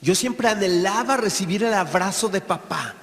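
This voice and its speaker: A lay evangelist preaches emphatically to his listeners in a high, carrying voice. His words ring out with a long hall reverb. He addresses the audience directly as he teaches. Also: animated, normal speed, fairly bright tone. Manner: emphatic, speaks straight to the audience. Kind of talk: preaching talk.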